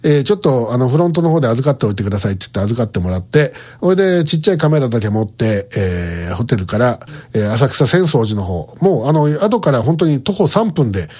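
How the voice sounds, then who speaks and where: A man's voice: quick pace, few pauses, husky. A middle-aged man hosting his own online show, telling a long casual story full of fillers and restarts. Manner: rambling, lots of fillers and restarts; animated, pitch swinging up and down. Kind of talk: casual monologue recounting a trip.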